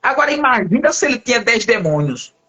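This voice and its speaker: A male pastor telling a lively testimony in a live conversation, acting out the voices of the people in his story. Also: very high-pitched, fast. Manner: lively storyteller who acts out quoted voices.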